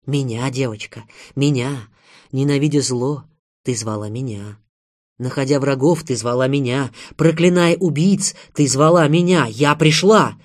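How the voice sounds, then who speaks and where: A man reading an audiobook, voicing a fanatical woman who preaches that good needs evil, in an intense manner that rises to loud declarations. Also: mid-range voice, fairly even intonation, measured pace, lightly acted. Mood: fervent preaching.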